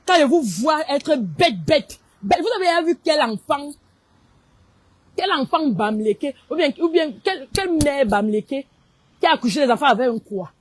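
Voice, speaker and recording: A woman with a Cameroonian French accent speaks in a high, piercing voice. She rants hotly and confrontationally, dropping into Pidgin English as she goes. The sound is dry and close, with no room around her. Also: lively intonation, moderate pace, no room sound. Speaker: online commentator. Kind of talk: heated livestream rant.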